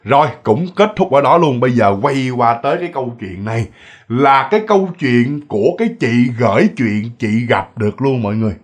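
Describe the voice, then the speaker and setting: A man's voice: mid-range voice, animated, a little fast, breathy edge. A man with a Southern Vietnamese accent telling ghost stories in a chatty, repetitive way, talking straight to his listeners. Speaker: ghost story narrator. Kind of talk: casual storytelling.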